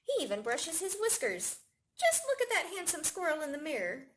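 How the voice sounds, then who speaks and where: A woman reading a picture book aloud to young children in an expressive storytelling manner. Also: very high-pitched, normal speed, a little hiss or hum. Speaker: library staff storytime reader.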